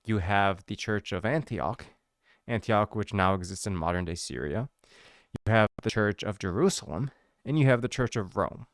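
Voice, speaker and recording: A man hosting his own channel, giving a casual educational talk to camera in a chatty, explanatory way, slowing down to stress key words. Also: fairly low pitch, lively intonation, no room sound, clean studio sound. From United States. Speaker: host explaining his church's history.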